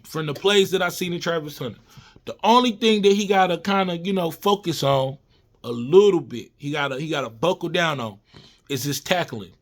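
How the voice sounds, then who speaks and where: Man, slightly high voice, off-the-cuff sports vlog rant, animated and repetitive. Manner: animated, repeats himself, addresses viewers as y'all. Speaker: sports vlogger. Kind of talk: casual sports commentary monologue.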